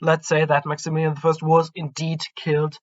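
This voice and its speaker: A man's voice: a little high, monotone, fairly quick, muffled recording. A man with a German accent giving a casual history talk, hesitant and full of ums and self-corrections. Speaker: history channel host.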